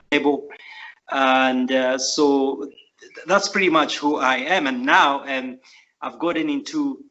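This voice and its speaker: A man's voice: medium pitch, fairly bright tone. A middle-aged man with a Ugandan accent, answering interview questions in an earnest, reflective way with frequent fillers. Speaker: guest author. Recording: muffled lo-fi audio.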